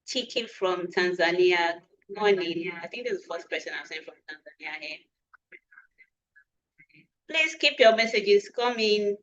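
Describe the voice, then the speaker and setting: A woman hosts an online session, reading out attendees' names and checking how to say them. Her voice sits fairly low. It comes through dull and lo-fi over a video call. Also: animated, fairly bright tone, slight background noise. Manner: unhurried, reading names aloud and pausing over pronunciations. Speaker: webinar host. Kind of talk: greeting attendees by name before an online session.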